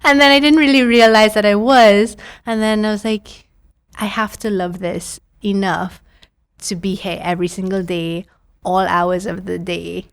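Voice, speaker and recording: A woman's voice: mid-range voice, fairly even intonation, a little slow, vocal fry, clean tone. A woman in her thirties from Trinidad, a prosthodontist guest telling her story in a chatty podcast interview, often quoting her own past thoughts.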